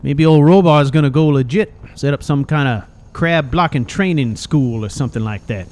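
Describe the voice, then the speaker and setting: A man's voice: a little high, normal speed, a little mellow, lightly acted. A man voicing a cheeky, chatty old rusty robot in a game, with a folksy drawl and teasing manner. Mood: boastful, amused. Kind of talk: video game character dialogue.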